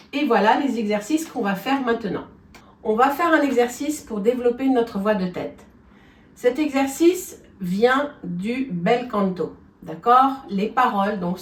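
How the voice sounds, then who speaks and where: A woman vocal coach gives a singing lesson, explaining things step by step and often checking in with her students. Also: on the high side. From France. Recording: echoey room, from a distance.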